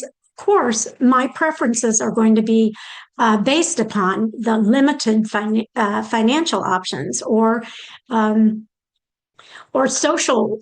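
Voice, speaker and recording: A woman's voice: fairly high pitch, rough recording. An older woman giving an explanatory talk on planning for care, posing questions aloud and walking through each step. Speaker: presenter on aging and care planning.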